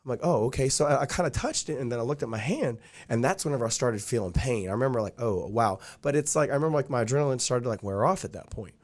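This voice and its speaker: With an expressive, medium-pitched voice, a young man talks fast and barely pauses. He's a podcast guest telling a long personal story in casual chat, rambling along with many fillers like "like" and "dude."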